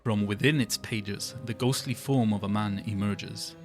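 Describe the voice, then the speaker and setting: Low-voiced male game master over music. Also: fairly even intonation, unhurried. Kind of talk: descriptive tabletop game narration.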